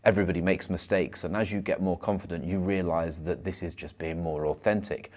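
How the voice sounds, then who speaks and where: Man, lowish voice, rushed words, stumbles and repeats, motivational advice talk. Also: fairly even intonation, a little mellow. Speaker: hypnotherapist giving self-help advice. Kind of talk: motivational advice monologue to camera.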